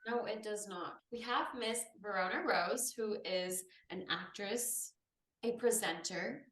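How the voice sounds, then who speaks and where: A young English woman co-hosting a podcast, talking in a chatty, animated way. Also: mid-range voice, measured pace. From England. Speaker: podcast co-host. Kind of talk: casual chat.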